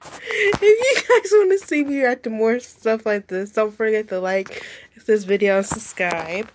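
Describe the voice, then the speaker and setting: A woman's voice: a little high, lively intonation, measured pace, slight background noise. A young woman hosting a casual reaction video, exclamatory and often breaking into laughter.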